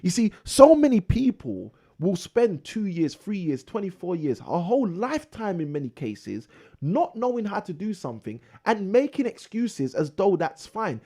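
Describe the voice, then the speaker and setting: Fervent husky-voiced man preaching motivation. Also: high-pitched, big pitch swings, normal speed, dark tone. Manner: preachy, repeats phrases for emphasis. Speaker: property investing show host. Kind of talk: motivational live Q&A monologue.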